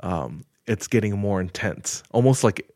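Podcast host type: man with a low voice, slow and measured, dry close mic. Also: animated, darkish tone, no room sound. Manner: measured, retelling with filler words. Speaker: podcast host telling a story. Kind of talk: casual storytelling chat.

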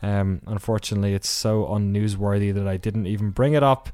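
A man's voice: fairly low pitch, fairly even intonation, a little fast, mellow, no echo. A man hosting a podcast, giving a casual race recap with wry asides, rambling through many fillers and restarts. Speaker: podcast host.

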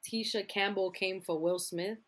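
A woman's voice: mid-range voice, steady tone, moderate pace. A woman podcast co-host, chatting casually and slangily with bits of Spanish. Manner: slangy, sprinkles in Spanish phrases. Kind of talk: casual chat.

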